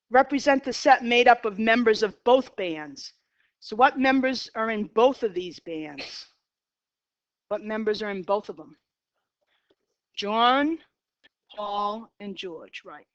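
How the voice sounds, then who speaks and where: A woman's voice: a little high, no room sound, highs cut off. Chatty Boston-accented woman teaching math. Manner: chatty, asks the class questions, digresses. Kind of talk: classroom lecture. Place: classroom.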